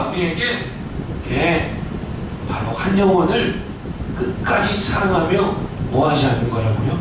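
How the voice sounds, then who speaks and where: A male pastor preaches with a raised pitch, putting questions to his congregation and answering them himself. The voice rings around a big echoey sanctuary, picked up from well back. Loud constant noise sits under everything. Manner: storytelling with swings between loud and hushed. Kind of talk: sermon. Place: church sanctuary. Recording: echoey hall, distant mic, loud noise.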